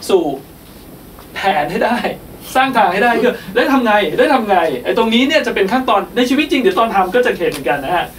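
A man's voice: sits high, sing-song, quick pace, far from the mic, a little hiss or hum. A man leading a teacher-training workshop, explaining the steps and checking in often with his listeners. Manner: explains with repeated checking questions.

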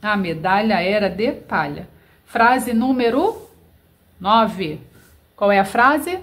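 A woman's voice: medium pitch, lively intonation, slow pace. A woman teacher, dictating sentences word by word and spelling out letters. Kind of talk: slow dictation lesson.

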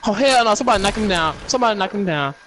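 A man's voice: high voice, animated, very fast, a bit bright, a little hiss or hum. A young man taunting other players and swearing a lot during a game. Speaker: gamer. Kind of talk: trash-talking gameplay chat.

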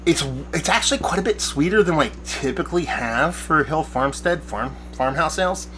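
A man's voice: a little high, expressive, normal speed, fairly bright tone, a little hiss or hum, poor audio. A bearded man in his forties giving a casual, rambling beer review to camera from a small shed studio, often searching for words. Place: backyard shed studio at night, small room.

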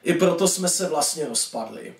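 A man reading his own short story aloud, expressive and voicing each caller in turn. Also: on the high side, vocal fry. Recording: echoey room, distant mic.

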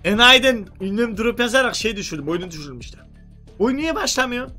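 A man streaming a shooter game, chatting excitably and cursing, sometimes yelling into voice chat. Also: very high voice, a little fast, soft background music. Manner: excitable, swears a lot, yells greetings into voice chat. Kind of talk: casual gaming commentary.

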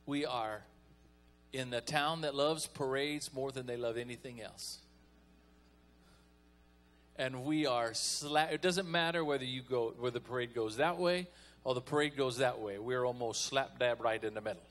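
A man's voice: mid-range voice, normal speed, fairly bright tone. A man preaching a folksy, conversational sermon as pastor, calling on the congregation to respond.

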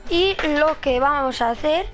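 A woman with a Spain Spanish accent doing casual, energetic, excitable commentary as a live game streamer. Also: high voice, unhurried, soft background music.

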